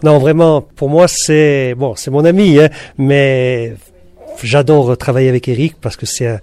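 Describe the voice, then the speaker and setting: Un acteur qui parle de son travail sur un film, simplement, en hésitant un peu. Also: male voice, medium pitch, steady tone, a little slow, warm tone, smooth. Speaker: actor. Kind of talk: press interview.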